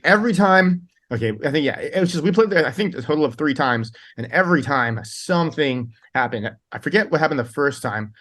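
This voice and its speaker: A man's voice: fairly high pitch, a bit bright. A man, a band's singer, telling long rambling tour stories in a casual interview, laughing often and restarting his sentences. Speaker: band singer, guest.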